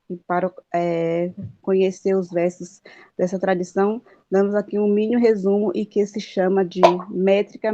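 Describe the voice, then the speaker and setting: A woman's voice: medium pitch, dark tone, no echo, lo-fi sound. A woman with a Brazilian Portuguese accent giving a class presentation on poetic metre, reading notes with hesitant fillers and stumbles. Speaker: student presenter.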